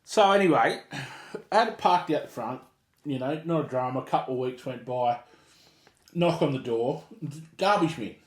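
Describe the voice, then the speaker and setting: A man's voice: medium pitch, expressive, normal speed. An Australian man co-hosting a casual chat, telling stories in a blokey, sweary, slangy way. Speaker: podcast co-host telling a gripe. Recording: roomy, echoey sound.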